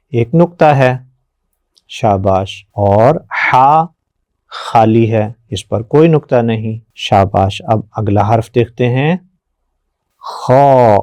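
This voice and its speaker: A man teaching children their letters, patient and encouraging, often praising and drilling slow repetitions. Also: lowish voice, darkish tone, dry recording. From Pakistan. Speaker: Quran teacher.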